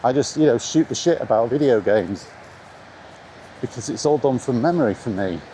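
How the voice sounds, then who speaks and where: Recording on foot in the rain, a middle-aged retro-games vlogger speaks his mind casually and bluntly, restating points to emphasize them. His mid-range voice is animated and dark in tone at a moderate pace, over noisy outdoor ambience.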